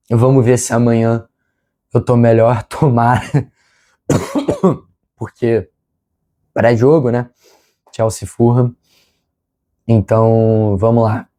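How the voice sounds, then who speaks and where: Hoarse Brazilian man with a smoker's rasp. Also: medium pitch, fairly even intonation, drawn-out words, long pauses, dark tone. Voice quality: congested, nasal. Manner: apologetic, rambling. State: hoarse, strained sore throat with throat clearing. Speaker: football fan channel host. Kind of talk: casual news vlog. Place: his room at home.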